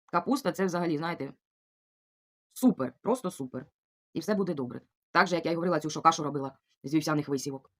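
In a deep voice and at a quick clip, a Ukrainian vlogger in middle age goes through her viewers' comments in casual conversation. She's friendly and talkative, thanking every person repeatedly.

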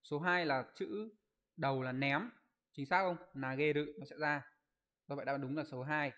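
A man teaching an online Japanese exam review class. He explains each answer step by step, keeps asking his students to confirm, and reads out their comment answers in a quick list. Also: on the high side, a bit bright. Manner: explains step by step, asks rhetorical check questions.

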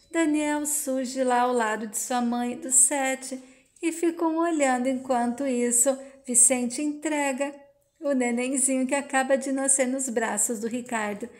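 A woman retelling a soap opera plot in plain, steady narration. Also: high-pitched, unhurried. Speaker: storyteller.

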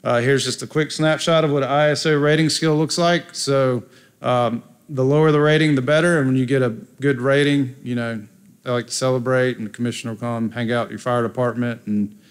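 Smooth-voiced man giving a quick talk. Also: medium pitch, steady tone. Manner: hurried, many fillers. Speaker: presenter. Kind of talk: conference presentation. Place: conference room.

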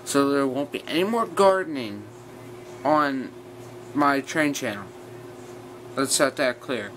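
Speaking slowly at a medium pitch, a young man, somewhere between teen and young adult, rants casually to viewers, rambling and blunt, with a slight slur from his retainer. He's on his bed in a small bedroom, picked up by the device's built-in mic at arm's length, with a clear, steady fan hum and bedroom ambience behind him.

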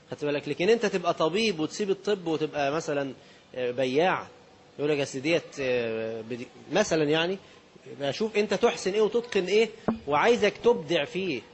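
A man's voice: on the high side, slight background noise. A man preaching a colloquial religious lesson with an Egyptian accent, asking rhetorical questions and acting out the people he quotes. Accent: Egyptian Arabic.

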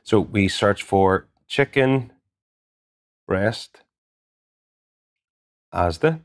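A man in his thirties with a Northern Irish accent, calmly walking through an app tutorial step by step, recorded on a lapel mic in a gym studio. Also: on the low side, very slow. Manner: calm, methodical, instructive. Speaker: gym coach. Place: gym studio in front of a branded backdrop.

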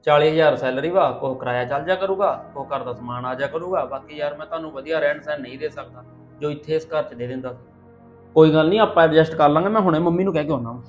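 A man's voice: on the high side, fast, lo-fi sound, faint music behind, natural voice. A man playing a young husband caught between his wife and his mother. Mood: earnest. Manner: earnest, pleading. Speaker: husband and son. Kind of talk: family skit acting.

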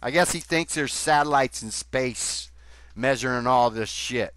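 A man's voice: medium pitch, unhurried, a bit bright, no room sound. A man hosting a commentary video, mocking played clips with sarcasm and swearing. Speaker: commentary host.

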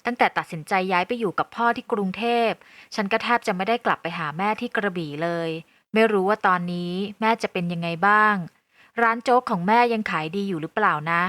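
Bright-voiced woman reading a novel. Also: mid-range voice, fast, dry recording. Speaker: audiobook narrator. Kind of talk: first-person novel reading.

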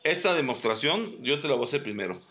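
A man teaching dog training outdoors, calmly demonstrating and repeating commands. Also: medium pitch, fast talker. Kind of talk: hands-on training instruction. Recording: dull recording with loud background noise and barking dogs.

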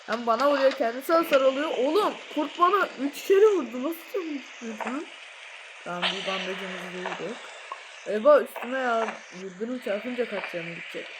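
A woman giving let's-play commentary, jumpy, swinging from muttering to panicked yelling, with playful sing-song chanting. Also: on the high side, expressive, normal speed, noisy background. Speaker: gamer.

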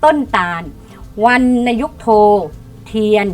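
A middle-aged woman teaching young pupils in an online lesson. She coaxes them along and reads words aloud slowly so they can repeat after her. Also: faint music behind. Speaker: primary school teacher.

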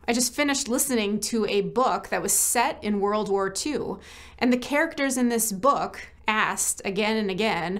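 A woman from church ministry staff giving a short devotional message, telling a personal story gently and reflecting on scripture. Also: medium pitch.

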